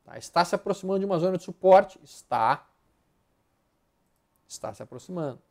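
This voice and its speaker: A man's voice: high-pitched, animated, a little fast, vocal fry. A man with a Brazilian Portuguese accent giving live stock market commentary over charts, blunt and slangy, rattling off repeated words as he flips through them.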